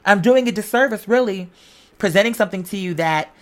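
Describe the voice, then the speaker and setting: The woman speaks fairly quickly in a mid-range voice, giving a pep talk as an online video creator. Her monologue is chatty and full of slang, with emphatic repetition like a preacher's.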